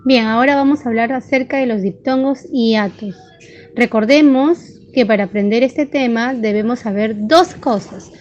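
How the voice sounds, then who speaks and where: Brief: woman teacher, high voice, patient pace, sounds out each syllable for kids. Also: moderate pace, darkish tone, muffled recording. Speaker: primary school teacher. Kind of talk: online grammar lesson.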